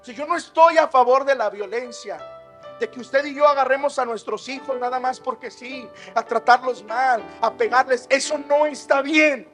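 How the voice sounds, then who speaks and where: A man preaching with a Mexican Spanish accent, calling everyone "brother" and swinging from hushed asides to loud, shouted points. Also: very high-pitched, normal speed, faint music behind. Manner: calls listeners "hermano" constantly, swings from hushed to shouting. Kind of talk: sermon.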